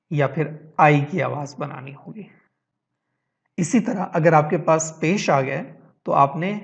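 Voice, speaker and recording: A man's voice: on the high side, muffled recording. A man teaching an online lesson on reading, explaining step by step, checking in with his listeners and mixing English words into his talk.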